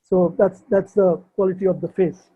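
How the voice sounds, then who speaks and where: An older man with a high-pitched, slightly rough voice speaks at a moderate pace with fairly even intonation over phone-quality sound. A poet and sculptor appearing as a guest at an online book launch, he explains things informally and hesitantly, often repeating himself as he hunts for words.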